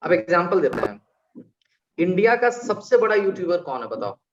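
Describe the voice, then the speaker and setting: Guy on a panel, animated, throws out questions, slightly high voice, muffled lo-fi audio. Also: moderate pace, slight background noise. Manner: animated, explains with examples and rhetorical questions. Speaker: invited alumni guest. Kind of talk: conversational panel talk. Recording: dull lo-fi recording.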